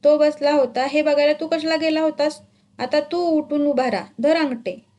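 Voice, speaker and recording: A woman's voice: sits high, moderate pace, lightly acted. A woman voicing an irritable male village schoolteacher who barks orders and scolds his pupils in rural dialect. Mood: scolding.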